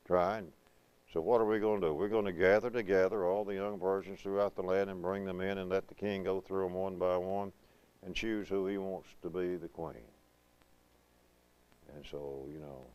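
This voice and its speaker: A man teaching a Bible class at a preaching school, reading scripture slowly and then explaining it conversationally, asking his students questions. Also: deep voice, clear, resonant tone, no echo, poor audio. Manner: conversational, asks the class questions and answers them; reads verses slowly and deliberately.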